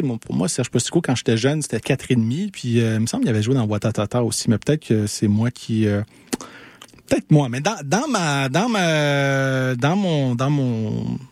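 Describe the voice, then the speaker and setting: A man with a Québécois French accent hosts a talk show, musing casually. He rambles, hesitates and restarts his sentences often in an average-pitched voice. The sound is dry and close, with no room around it. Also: a little mellow, no room sound. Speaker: podcast host. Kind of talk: casual commentary.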